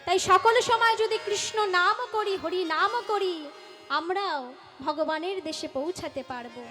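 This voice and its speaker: A young woman from West Bengal giving a devotional kirtan discourse, reciting Sanskrit verses in a slow, measured preaching manner. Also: very high-pitched, sharp tone, soft background music. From West Bengal, India. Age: teenager. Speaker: kirtan singer.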